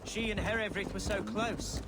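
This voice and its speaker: An eager, high-voiced young medieval lord. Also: male voice, fairly even intonation, normal speed, very noisy. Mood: earnest. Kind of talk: dramatic video game acting. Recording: loud game music over the voice.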